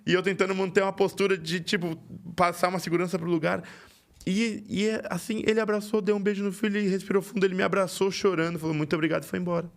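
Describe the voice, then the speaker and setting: Man, podcast host, rapid talker, slightly high voice, animated storytelling. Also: creaky. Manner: animated, acts out quoted dialogue. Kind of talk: casual storytelling chat.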